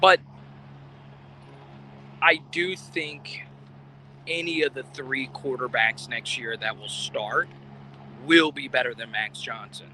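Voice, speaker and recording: Picture a man with a bright, forceful voice livestreaming on his phone from outside in a city. He rambles through sports talk in loose, chatty fashion, breaking off for jokes and shout-outs to viewers. His pitch sits at an ordinary male middle. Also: slow, pauses often, a little hiss or hum, poor audio. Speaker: sports fan channel host. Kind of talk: casual livestream chat. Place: outdoors in a city, near a palace.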